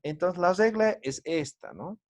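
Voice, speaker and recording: A man's voice: high voice, expressive, unhurried, a little mellow. A man teaching a language lesson in an online class, patient and explanatory, often checking in with his students with short tag questions. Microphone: video call.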